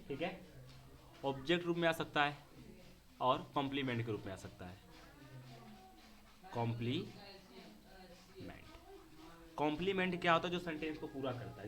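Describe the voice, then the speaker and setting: A man's voice: a little high, fairly bright tone. Repetitive, questioning male grammar teacher. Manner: repeats key words and keeps asking if students understand. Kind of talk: classroom grammar lesson.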